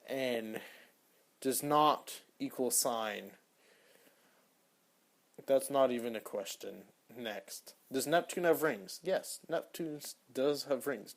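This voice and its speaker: A man's voice: medium pitch, gravelly. Young male podcast host, casual and offhand, rambling solo chat, trailing delivery. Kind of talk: casual solo commentary answering search suggestions.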